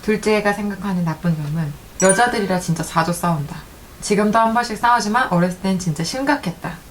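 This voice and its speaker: A woman's voice: medium pitch, fairly quick. A young woman leading a casual group chat as the host. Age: young adult. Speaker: host, eldest of four sisters. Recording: clear background noise.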